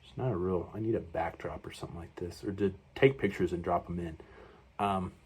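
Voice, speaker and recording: Male toy reviewer, slightly low voice, casual and rambling, self-correcting. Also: brisk, darkish tone, husky.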